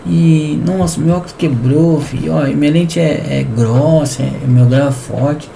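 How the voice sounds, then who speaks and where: A man's voice: a little high, gravelly, mellow, a little hiss or hum. A man doing a sweet old grandma. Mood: tender. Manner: slow, affectionate, calls him "fi". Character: elderly grandmotherly woman customer, sweet and fond.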